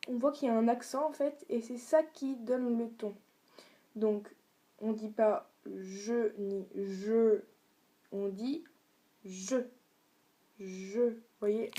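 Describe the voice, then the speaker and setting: A woman with a fairly high, slightly mellow voice teaches a beginner video lesson on Chinese tones. As a Chinese language teacher, she patiently demonstrates sounds for viewers to repeat.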